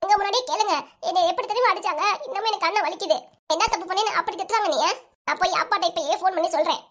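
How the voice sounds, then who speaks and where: A woman's voice: very high-pitched, rapid-fire, fairly bright tone. A woman voicing a sulky little girl who talks back, in a whiny, defiant way, with a southern Tamil accent.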